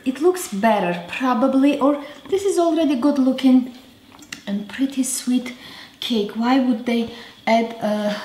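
Slow-talking woman with Armenian accent. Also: a little high, darkish tone, a little hiss or hum. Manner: chatty, self-correcting, halting English. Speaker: cooking show host. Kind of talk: casual cooking demonstration. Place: roomy home kitchen, indoors. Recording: echoey kitchen with background music.

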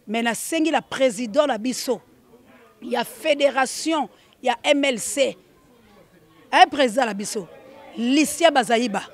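High-voiced man calling out shout-outs. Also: unhurried, long pauses, some chatter behind. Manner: animated, calls out names with bursts of shouting. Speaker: presenter giving shout-outs. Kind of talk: excited on-air dedications.

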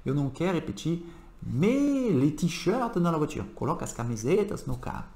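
Guy teaching, really animated up-and-down voice, kinda echoey room. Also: fairly high pitch, normal speed. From France. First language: French. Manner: animated, emphatic teacher's delivery. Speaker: French teacher. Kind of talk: language lesson.

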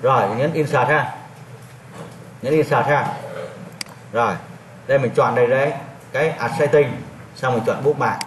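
A male teacher walking a class through software steps, repeating each step as he clicks. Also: mid-range voice, moderate pace, long pauses, background noise. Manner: repetitive, talks while clicking through steps. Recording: echoey classroom, mic at a distance.

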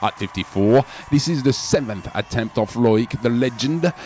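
French-accented male presenter, measured dramatic news read. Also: medium pitch, lively intonation, darkish tone, a little hiss or hum. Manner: measured, dramatic voice-over delivery. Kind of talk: scripted sports news narration.

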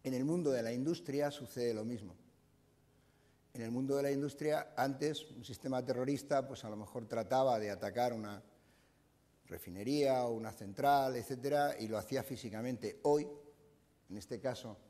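A man's voice: medium pitch, moderate pace, mellow. Older man lecturing in an echoing hall. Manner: explanatory, frequent "eh" fillers and restarts. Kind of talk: conference talk. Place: university lecture room.

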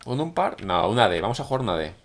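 A hoarse man commentates his own gameplay, chatty and excitable as he talks straight to his viewers. His voice sits low but leaps up and down in pitch. Keyboard and mouse clicks sound faintly behind him. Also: fast, slight background noise. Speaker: gaming YouTuber.

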